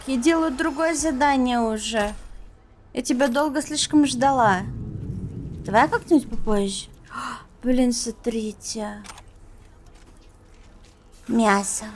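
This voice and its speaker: Slow-paced, higher-voiced young woman streaming games. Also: slight background noise. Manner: playful, crude swearing, mutters to herself. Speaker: streamer playing a video game. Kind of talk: casual gaming stream commentary.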